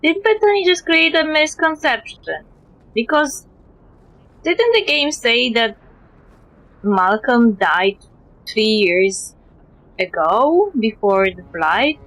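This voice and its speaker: A woman's voice: fairly high pitch, big pitch swings, slow pace, pauses often, a bit bright, poor audio. A woman livestreaming a video game, casually and sardonically talking back to the characters and swearing freely. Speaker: streamer reacting to a video game.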